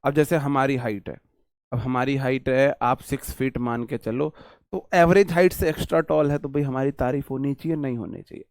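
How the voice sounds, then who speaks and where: A man's voice: medium pitch, fairly even intonation, moderate pace, darkish tone, no room sound, clean studio sound. A young man teaching English vocabulary in a casual classroom lecture, joking and repeating lines for emphasis.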